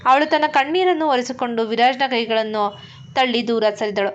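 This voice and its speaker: A woman storyteller reading a dramatic story in a steady narrating voice. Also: on the high side, a little fast, highs cut off.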